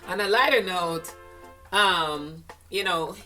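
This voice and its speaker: A lowish, bright, forceful voice, taken slowly and recorded from a distance with faint music behind, belongs to an older Jamaican fashion vlogger. Stuffy from congested sinuses, she chats to camera in a rambling way with frequent fillers and laughs.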